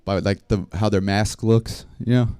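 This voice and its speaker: A man doing a stand-up comedy set, telling rambling stories in a deadpan way. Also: fairly low pitch, moderate pace, smooth, no echo, clean studio sound. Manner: deadpan, rambling storytelling with small laughs. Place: live comedy stream venue.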